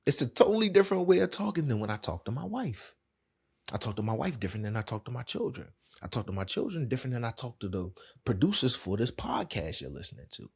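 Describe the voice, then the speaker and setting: A man's voice: mid-range voice, gravelly, slightly rough. A man with a Washington DC accent, a podcast host and therapist, talking candidly and casually in a monologue. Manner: candid, conversational, colloquial.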